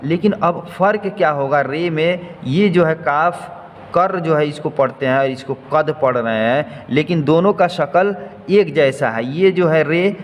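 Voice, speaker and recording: A man's voice: a little high, unhurried. A man teaching how to write and read Urdu letters, explaining step by step and repeating each point patiently. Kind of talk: slow step-by-step lesson. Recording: faint noise, long hall reverb.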